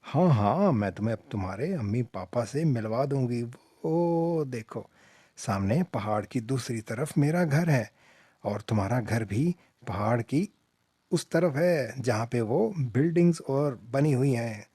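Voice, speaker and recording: A man voicing a sly, scheming female fox who sweet-talks in a slow, honeyed drawl for a cartoon. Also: mid-range voice, expressive, warm tone, husky, dry recording. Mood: sweet-talking. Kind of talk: cartoon voice acting.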